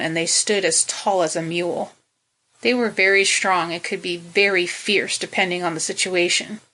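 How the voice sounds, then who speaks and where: Audiobook narrator: woman, lowish voice with a bright, forward edge, steady measured read. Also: low-quality recording.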